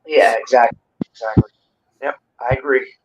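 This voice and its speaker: A man in his sixties, guesting on a livestream, talks casually and off the cuff in a mid-range voice with fairly even intonation at normal speed. He swears freely and peppers his streetwise talk with bro, dude and man. The stream audio is dull and lo-fi, with clear background noise.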